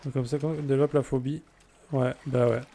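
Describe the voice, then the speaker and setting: A man's voice: medium pitch, flat delivery, a little fast, dark tone, slight background noise. A man chatting casually and jokingly while streaming a game, answering his viewers' messages. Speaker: let's play streamer. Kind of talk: casual gameplay chat with viewers.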